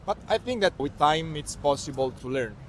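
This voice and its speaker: A man from Italy with an Italian accent, answering street interview questions outdoors, thoughtful and pausing for words. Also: on the high side, animated, slight background noise. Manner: thoughtful, hesitant, searching for words. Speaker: tourist interviewee.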